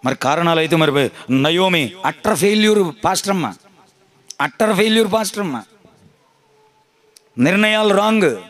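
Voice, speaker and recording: High-voiced pastor preaching emphatically. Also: male voice, expressive, moderate pace, pauses often, a bit bright. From India. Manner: emphatic, repeating phrases and calling for responses. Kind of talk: sermon.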